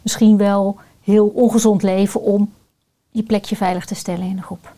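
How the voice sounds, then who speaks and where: Mellow-voiced woman coach, thoughtful and searching. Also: mid-range voice, little pitch movement, normal speed. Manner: thoughtful, searching for words with many fillers. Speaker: guest, coach and family constellation facilitator. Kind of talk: reflective podcast conversation.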